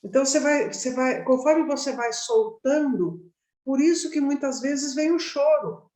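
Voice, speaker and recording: A woman's voice: high voice, moderate pace, dark tone. A woman teaching a meditation class in a conversational way, often checking in with her listeners. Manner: conversational, frequent tag questions. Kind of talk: informal class talk. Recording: roomy echo.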